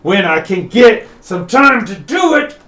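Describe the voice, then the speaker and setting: A man voicing a frustrated, flustered male sheriff who works as a smith and talks in a gruff, exasperated way. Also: high voice, sing-song, measured pace, a bit bright, reverberant, pitched above the performer's own voice, heavily acted.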